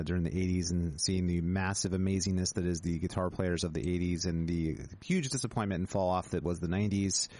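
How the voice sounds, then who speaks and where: A man's voice: low-pitched, a little mellow. A man co-hosting a casual podcast chat, ranting in an emphatic, opinionated way. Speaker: podcast co-host.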